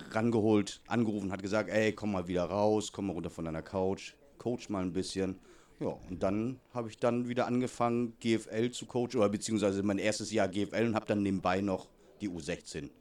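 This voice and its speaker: A man's voice: on the low side, a little fast. A man from Vietnam, a youth football coach, chatting casually in an interview and often affirming with short fillers. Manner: relaxed, chatty, many fillers like "genau".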